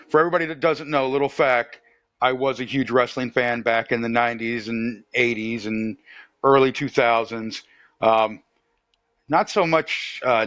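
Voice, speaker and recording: A man's voice: mid-range voice, a bit bright, no echo. A man hosting a podcast, chatting casually and thoughtfully, with frequent fillers and restarts. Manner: easygoing, reflective, many fillers and restarts. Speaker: podcast host. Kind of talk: casual conversation. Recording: dull lo-fi dry sound.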